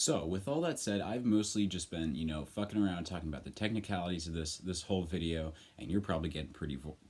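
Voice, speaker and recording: A man's voice: sits low, animated, fast talker, noisy background. A man giving a casual spoken vocal tutorial in an informal, rambling but emphatic way. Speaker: vocal coach, screamer.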